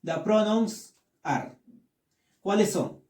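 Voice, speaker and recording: A man with a high, mellow voice teaches a lesson at a slow, patient pace. He repeats each word and keeps checking that his listeners follow. He sounds set back from the mic in an echoey room. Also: animated, far from the mic. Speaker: English teacher. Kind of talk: classroom lesson.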